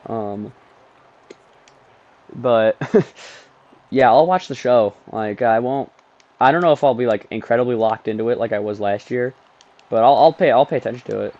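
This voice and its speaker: Young male streamer, sleepy, rambling gameplay chatter with excited play-by-play, mid pitch, slightly muffled lo-fi bedroom mic. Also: normal speed, pauses often. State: sleepy, yawning. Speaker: gaming streamer. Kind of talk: casual gameplay commentary.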